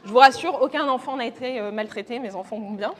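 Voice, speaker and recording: A woman's voice: on the high side, fast. Woman giving a chatty talk on a stage, lots of ums, big echoey hall. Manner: lively, chatty, many fillers. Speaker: conference speaker. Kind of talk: live conference talk. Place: event stage. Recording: long reverb in a hall.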